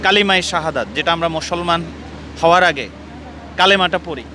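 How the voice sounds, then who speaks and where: A man with a fairly high, brisk voice hosts a street quiz outside, earnestly interviewing passers-by and lecturing them. Traffic and street noise fill the background.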